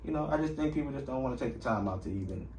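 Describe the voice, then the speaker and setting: A man's voice: medium pitch, rapid-fire, recorded from a distance. A man with a Detroit accent, a rapper guest talking in a casual interview and acting out quotes as he tells stories. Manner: animated storyteller, acts out quotes. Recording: roomy sound from off mic with faint background noise.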